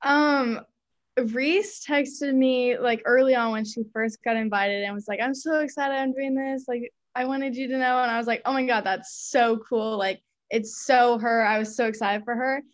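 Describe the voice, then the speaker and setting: A young woman, a student guest, telling her story haltingly with many fillers and getting emotional. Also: a little high, fairly even intonation. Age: young adult. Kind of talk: casual storytelling.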